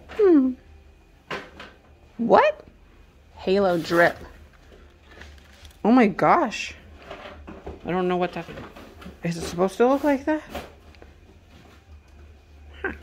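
A chatty woman narrates as she browses a house sale, talking to the phone in her hand in a low-ish, easy voice. She exclaims often and thinks aloud about what things cost. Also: a little hiss or hum. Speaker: vintage reseller vlogger. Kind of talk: casual walk-through narration. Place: indoors at a house estate sale.

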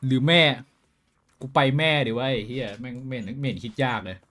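A man streaming a game live, talking with his viewers in a profane, excitable way that swings between loud outbursts and quiet muttering. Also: medium pitch, brisk. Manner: switches between shouting and muttering. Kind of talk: casual live-stream commentary.

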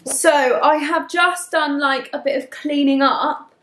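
A woman's voice: high-pitched, slow pace, echoey room, a little hiss or hum. A woman, chatting upbeat to a handheld camera in her home kitchen. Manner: chatty and upbeat, lively exclamations. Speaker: vlogger. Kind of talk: casual chat to camera.

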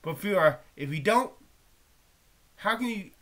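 High-voiced man, impassioned confrontational commentary, quotes scripture. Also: animated, moderate pace, sharp tone. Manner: preachy, confrontational, quotes old-style scripture aloud. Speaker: video critic reacting to a documentary.

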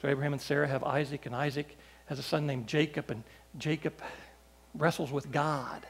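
High, gravelly-voiced male preacher. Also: fairly even intonation, moderate pace. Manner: storytelling with repeated restarts. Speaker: pastor. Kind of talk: sermon.

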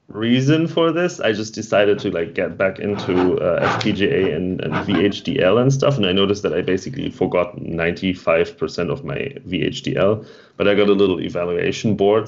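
A man co-hosting an online meetup stream, chatting casually and rambling as he reads and answers the chat. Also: low-pitched. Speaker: meetup co-host. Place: home. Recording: dull lo-fi stream audio.

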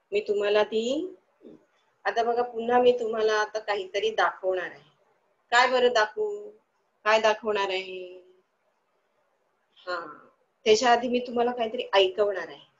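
A woman's voice: on the high side, lo-fi sound. A woman teaching young children in an online class, asking the class questions and answering them herself in a sing-song, coaxing way.

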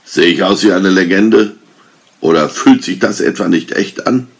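A man's voice: sits low, normal speed, gravelly, husky, exaggerated voice. A man voicing a towering, threatening man dressed as a holy king, who lectures sternly in a storybook reading.

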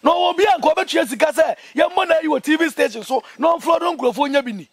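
A young Ghanaian man giving an impassioned interview, speaking in an emphatic, indignant and animated way. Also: extremely high pitch, fairly quick, dry recording. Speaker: interview guest, traditional priest. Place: outdoors among trees.

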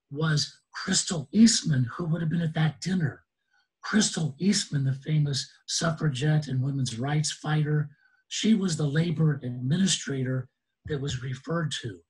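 A man's voice: fairly high pitch, low-quality recording. A man in his sixties, an enthusiastic guest speaker who laughs often, talking on a video call. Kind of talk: casual webinar talk.

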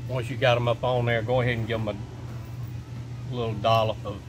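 A man's voice: mid-range voice, level tone, a little fast. Folksy middle-aged man explaining shop work. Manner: plain step-by-step talk with folksy phrasing. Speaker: shop owner showing a repair. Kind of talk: casual how-to instruction. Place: indoor workshop. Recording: music playing underneath. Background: background music.

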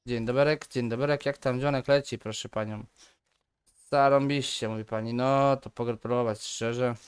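A man's voice: mid-range voice, steady tone, moderate pace, clear, resonant tone. A man giving casual, playful commentary while playing a game, bantering in a mock-polite shopkeeper tone. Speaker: gaming YouTuber. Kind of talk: casual let's play commentary.

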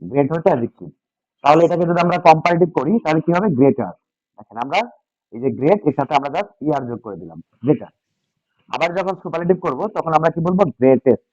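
A man's voice: fairly high pitch, expressive, fast talker, a little mellow, no echo. A man teaching English grammar to a class, repeating key points and asking students questions. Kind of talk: classroom lesson with call-and-response. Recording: dull, dry lo-fi sound.

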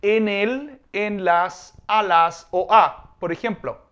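A male English teacher speaks in a fairly high voice and stretches every word out at a very slow pace. He drills pronunciation again and again with playful, teasing asides. The audio is a little dull and lo-fi. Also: clean tone. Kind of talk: Spanish-language English lesson.

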